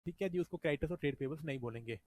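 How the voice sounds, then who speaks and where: A man's voice: a little high, racing, a little mellow. A man teaching a revision lecture. He explains step by step and often adds "ठीक है जी" as a check-in. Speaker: accounting teacher.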